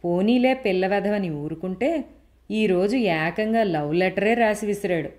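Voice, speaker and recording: A woman's voice: mid-range voice, measured pace, close to an everyday voice. A woman voicing a fiery middle-aged woman who hates men, talking sharply and indignantly in a raised voice. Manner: sharp, indignant, shouting accusations.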